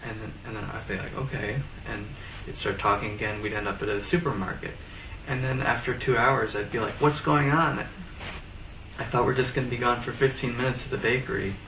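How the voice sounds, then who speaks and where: A man casually telling stories in an interview, rambling and halting with fillers. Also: fairly low pitch, fairly even intonation, a bit bright. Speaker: interviewee, band frontman. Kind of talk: casual storytelling. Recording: roomy, distant mic with background noise.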